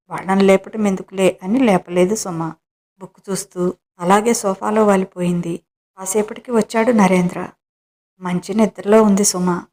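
A woman narrating a romance story in a calm, measured reading. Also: medium pitch.

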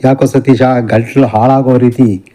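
A man voicing an angry, stern middle-aged father in an audio novel, scolding with gruff commands. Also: mid-range voice, steady tone, normal speed, mellow, lightly acted.

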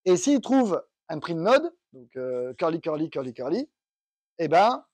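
A man's voice: fairly high pitch, big pitch swings, measured pace, a little mellow, breathy edge, no echo. A man giving a technical conference talk, explaining step by step and thinking aloud with restarts. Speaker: conference speaker. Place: conference room.

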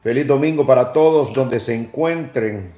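A man's voice: mid-range voice, moderate pace, dark tone, roomy sound, slight background noise. A man from El Salvador hosting a casual live stream, chatting loosely, greeting viewers by name and tossing out offhand questions.

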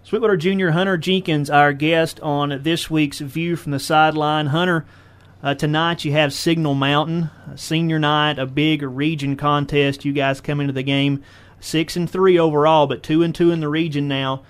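A man's voice: fairly high pitch, fairly even intonation, moderate pace, clean tone. A man hosts a hometown sports radio segment. He asks his guest about the game in a folksy, leading way, steering each question toward the answer he expects. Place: radio studio.

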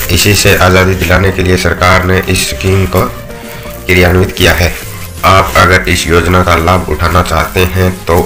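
Male explainer narrator, very low and monotone, read-aloud delivery, music bed underneath. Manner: steady read-aloud delivery with small slips. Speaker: channel narrator. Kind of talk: scripted voice-over explainer. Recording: voice-over with loud background music.

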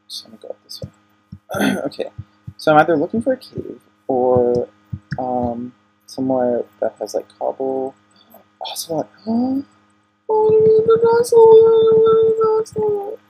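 Gravelly young man chatting through a game. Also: medium pitch, warm tone. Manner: talks to himself and the game, easily annoyed, chatty. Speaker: gaming channel host. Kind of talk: casual gameplay commentary. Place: home. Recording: lo-fi home recording.

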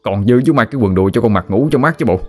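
A man's voice: low-pitched, animated, fast, soft background music. A man voicing an exasperated son in his thirties, protesting.

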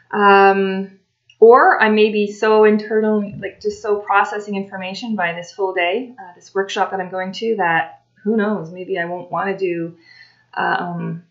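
A woman talking casually to camera as a tarot reader, unhurried and full of ums and restarts. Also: mid-range voice, lo-fi sound. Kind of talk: casual solo talk to camera.

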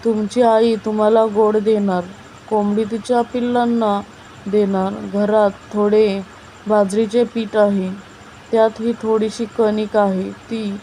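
Poor loving village mother, plain homely speech, low and mellow tone, read by a woman narrator. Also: a little hiss or hum, close to an everyday voice.

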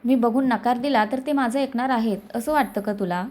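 A woman voicing a stubborn, upset young woman facing a marriage match, in a lower, subdued tone. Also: a little fast, a little mellow, close to an everyday voice. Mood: subdued, irritated.

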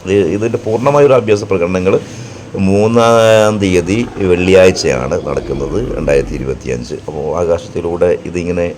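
A man with a Kerala Malayali accent narrating a casual travel vlog in halting, repetitive phrases. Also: low-pitched, a little mellow. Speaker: vlogger and narrator. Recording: clear background noise, outdoor ambience.

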